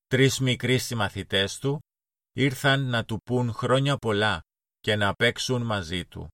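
A man narrating a children's story in a calm, even reading voice. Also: mid-range voice, no echo, clean studio sound.

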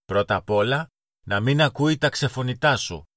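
A man's voice: mid-range voice, lively intonation, a bit bright, no room sound, studio quality, lightly acted. A man voicing a strict, bossy older girl in a children's storybook reading, scolding her younger siblings. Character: bossy older girl, stern big sister.

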